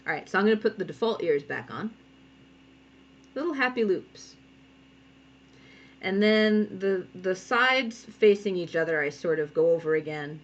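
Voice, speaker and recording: A woman's voice: fairly low pitch, expressive, normal speed, pauses often, lo-fi sound. A woman cartoonist giving a casual drawing tutorial from home, chatty and giggly, often breaking off to scold her cats. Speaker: cartoonist teaching a draw-along.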